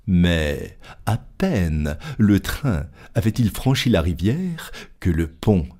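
A man narrating an audiobook of a classic novel, with measured, lightly dramatic storytelling. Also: low voice, very animated, a little mellow.

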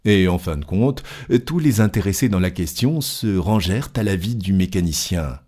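A man with a lowish voice reading a classic novel aloud. His narration is measured and steady, with a touch of drama at the tense moments. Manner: measured, lightly dramatic storytelling.

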